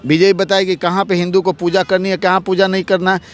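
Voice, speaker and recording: Forceful man in a heated interview. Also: high-pitched, little pitch movement, fast talker. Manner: forceful, repetitive, rhetorical questions. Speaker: advocate interviewee.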